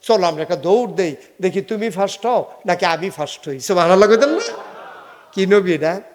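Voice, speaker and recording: High-voiced preacher in an echoing hall. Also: male voice, a little fast. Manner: animated, jokes with audience, acts out dialogue. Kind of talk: humorous sermon storytelling. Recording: reverberant hall.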